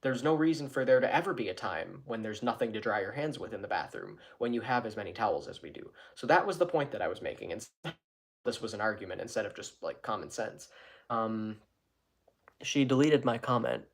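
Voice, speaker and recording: A man's voice: lowish voice, animated, a little fast, vocal fry. Rambling man chatting in a casual vlog. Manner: rambling, with many restarts and self-corrections. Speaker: YouTuber. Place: his own room.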